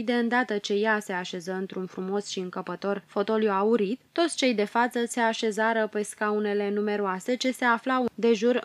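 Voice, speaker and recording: A woman's voice: mid-range voice, no room sound. Woman narrating a fairy tale. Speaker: audiobook reader. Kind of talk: scripted narration of a children's tale.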